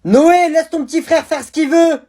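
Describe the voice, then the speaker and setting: A man voicing a loud, sing-song mother in a comedy sketch. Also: very high-pitched, normal speed, pitched above the performer's own voice. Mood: sweet.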